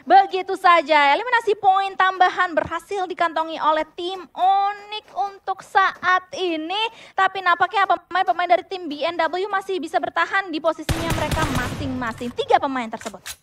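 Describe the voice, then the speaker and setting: A woman's voice: very high voice, normal speed, a bit bright. A woman with an Indonesian accent giving flowing, wordy live commentary on an esports match. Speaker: esports caster.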